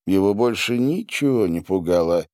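A man narrating an audiobook in a measured, expressive reading. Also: low voice, dry recording, studio quality. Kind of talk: scripted narration.

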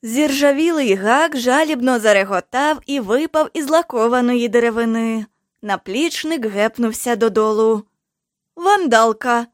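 A woman narrating an audiobook in a studio, with measured, unhurried storytelling. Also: a little high, no room sound. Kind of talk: scripted narration. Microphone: studio microphone.

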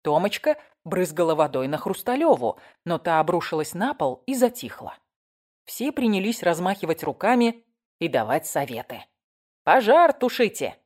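A woman narrating a novel in a scripted, expressive storytelling manner. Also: lowish voice, normal speed. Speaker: audiobook narrator.

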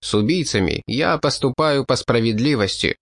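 A man's voice: medium pitch, animated, normal speed, vocal fry, a bit bright, no echo. A man reading an audiobook, voicing a hard, ruthless French marquis who speaks in a blunt, ironic and contemptuous way. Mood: scornful.

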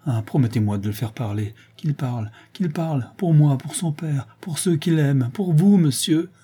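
A man's voice: fairly high pitch, normal speed, warm tone, slightly rough, voice pushed up. A man voicing a desperate middle-aged mother who pleads and protests to defend her accused son. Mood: anguished. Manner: pleading, indignant, breaking into cries.

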